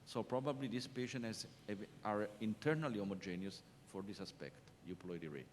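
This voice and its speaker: Low-voiced man, emphatic panelist in a hall. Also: a little fast. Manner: emphatic, explanatory, frequent hesitations. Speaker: conference panelist. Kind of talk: conference panel discussion. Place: conference hall. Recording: reverberant conference hall, faint rumble.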